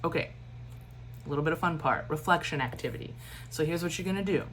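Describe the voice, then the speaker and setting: A woman instructor giving a recorded class lecture in a steady cadence, with animated emphasis and informal asides. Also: low-pitched, quick pace, slight background noise.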